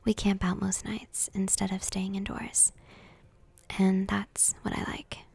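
Whispered role-play: woman doing a deadpan teen farm boy, flat and creaky. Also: medium pitch, unhurried. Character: guarded teenage farm boy, dry and deadpan.

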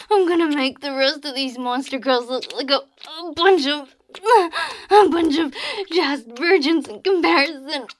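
A woman voicing a small, crude, domineering goblin maid in an adult audio role-play, taunting and giving orders between breathy gasps. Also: high voice, fairly bright tone. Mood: excited, urgent.

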